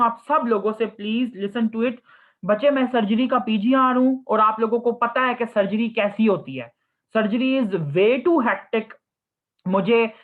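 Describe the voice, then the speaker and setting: Young man advising students over a tinny line. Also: very high-pitched. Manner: mixes English phrases into Hindi-Urdu, calls listeners 'children'; repeats 'ठीक है' often. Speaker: surgery postgraduate resident answering students' questions. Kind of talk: casual advice session. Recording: phone-like narrow audio.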